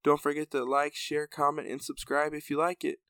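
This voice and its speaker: Man storyteller, gravelly, relaxed and chatty, dry close mic. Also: fairly high pitch, normal speed, no room sound. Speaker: podcast storyteller and host. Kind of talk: reading a serialized story aloud, then casual outro.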